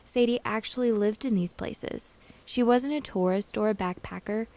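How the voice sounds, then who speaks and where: A woman narrates a short student news feature in a clear, scripted read. She sets up the interview clips and links them together as the reporter. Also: on the high side, moderate pace, warm tone.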